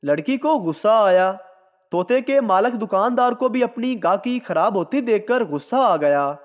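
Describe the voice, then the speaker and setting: A man reading out a series of short jokes in a scripted, unhurried storyteller's delivery. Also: high-pitched, animated. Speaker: joke narrator. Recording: dull lo-fi sound with long reverb.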